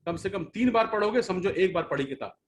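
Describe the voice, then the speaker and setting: A man in his fifties delivers a motivational talk to a room of listeners in a notably high voice. He hammers his points home by repeating phrases again and again. He lectures his team directly, in a preachy and scolding tone. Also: lively intonation, fairly quick, a little hiss or hum. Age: 50s. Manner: emphatic, repeats key phrases over and over. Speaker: network marketing team leader.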